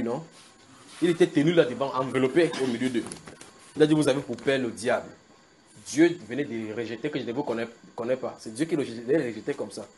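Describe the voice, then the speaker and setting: A man preaching a sermon at a house church, slowly repeating scripture and checking in with the congregation. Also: mid-range voice, a little mellow, slight background noise. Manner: emphatic, repeats scripture slowly with call-and-response tags to the congregation. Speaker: pastor.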